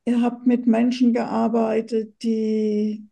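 Gravelly, dark-voiced woman moderator. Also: a little high, little pitch movement, slow. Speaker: meeting host. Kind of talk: moderating a video meeting. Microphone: video call.

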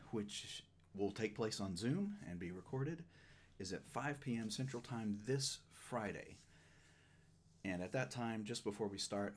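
A man hosting his own channel, making a mock-grand, self-mocking announcement in a pompous, drawn-out way. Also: lowish voice, a little hiss or hum. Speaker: host of a card-break channel.

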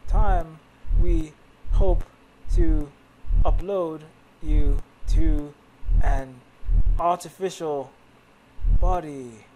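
A man voicing a gentle female stranger from a video game, doing a woman's voice with halting, word-by-word delivery. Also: on the high side, steady tone, background noise. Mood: solemn. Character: gentle female stranger addressing a patient, read from game text. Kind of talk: dramatic reading of video game text.

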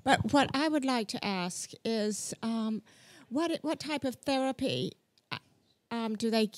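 A woman's voice: fairly high pitch, animated, a little slow, no room sound. A woman in the audience asking a hesitant question, with many fillers. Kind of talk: question from the floor.

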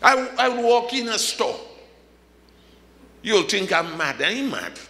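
A bright, high-voiced pastor from the Caribbean preaches with wide swings of pitch and an unhurried pace. He punches his lines with shouts and slips into joking asides. His voice rings through a large, echoey church hall. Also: big pitch swings. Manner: preaching with rising shouts, humorous asides and laughter. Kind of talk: sermon.

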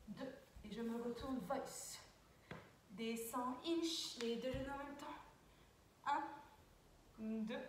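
Young woman, dance teacher, calls steps and counts, slightly high voice, booming reverb, distant mic, faint room noise. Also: darkish tone. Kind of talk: talking through a dance routine. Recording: very echoey, far from mic.

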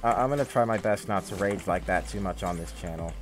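A man's voice: low voice, fast. A young man giving casual gameplay commentary in a weary, grumbling way. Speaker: gaming video host. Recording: noisy recording with game gunfire. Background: video game gunfire.

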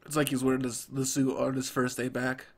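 A man's voice: mid-range voice, level tone, fairly quick, a little hiss or hum. Congested, tearful young man reacting. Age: young adult. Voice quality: nasal, congested. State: tearful, stuffed up from crying. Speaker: anime reaction video host. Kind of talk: casual reaction commentary. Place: small furnished room at home. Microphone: close desk microphone, headphones on.

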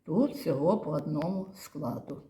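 Slow, patient woman teacher in an echoey room. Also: low-pitched, animated, warm tone. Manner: patient, questioning and praising, spells out sounds and syllables. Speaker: kindergarten teacher. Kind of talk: teaching a class of young children.

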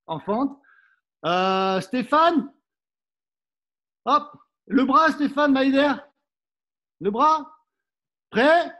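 A man's voice: extremely high pitch, animated, drawn-out words, long pauses, sharp tone. A middle-aged man coaching a live fencing workout class, instructive and coaxing, often adding "hein" as he demonstrates and sometimes moves away from the mic.

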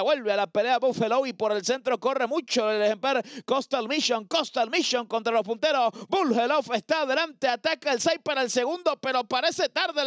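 A man calling a horse race live as commentator, in an excited motorsport-style manner with drawn-out calls. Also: extremely high pitch, no echo, studio quality.

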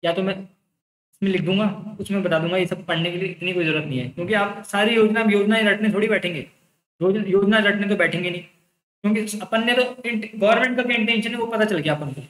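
Young male lecturer, high-pitched, chatty and reassuring, echoey room. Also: fast talker, a bit bright. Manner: chatty, reassuring, explains by intent. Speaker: teacher. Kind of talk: casual online lecture.

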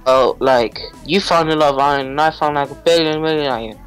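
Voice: mid-range voice, brisk, faint music behind, rough recording. A player chatting with friends during a game, teasing and exaggerating for laughs. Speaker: gaming friend. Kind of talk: casual game chat.

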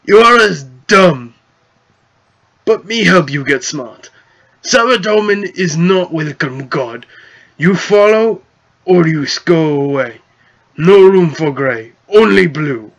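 A man voicing a petty, hostile male goblin chief who talks in blunt broken grammar with a gruff, bossy manner. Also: fairly high pitch, animated, takes it slowly, a bit bright, voice pushed up, exaggerated voice.

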